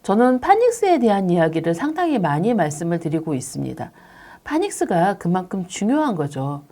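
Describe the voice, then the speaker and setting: Lively-voiced woman explaining to parents. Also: on the low side, brisk. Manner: polite, explains step by step. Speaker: English academy director.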